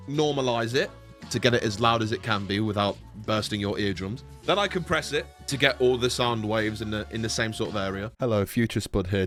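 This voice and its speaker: This tutorial host is a man in his twenties with a medium-pitched, fairly bright tone, running a casual, jokey software tutorial full of playful swearing and mock teasing. He records indoors in a small bedroom, close to a desk boom-arm mic.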